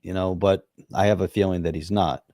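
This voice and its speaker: A man's voice: low voice, steady tone, fairly quick, dark tone, no echo, clean studio sound. A man co-hosting a podcast in casual chat, giving brief, agreeable replies. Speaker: podcast co-host.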